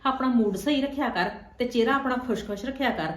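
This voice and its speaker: A woman's voice: on the high side, fast talker, close to an everyday voice. Woman playing a sneering bossy mother-in-law. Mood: scornful. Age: middle-aged. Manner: scolding, sneering, nagging. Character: scornful, bossy middle-aged mother-in-law. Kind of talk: web drama acting. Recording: echoey room.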